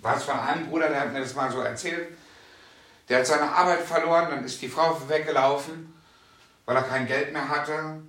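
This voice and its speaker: A fairly high-pitched man preaching with fervor, drawing out and repeating his key lines for effect. His voice rings through a reverberant room, picked up from some distance off the mic. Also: fairly even intonation. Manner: emphatic, repeats phrases slowly and loudly for stress. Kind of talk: sermon.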